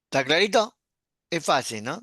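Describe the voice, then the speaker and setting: A man, a pastor teaching an online class, explaining patiently and repeating words slowly. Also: a little high, big pitch swings, bright, forceful tone, dry recording, studio quality.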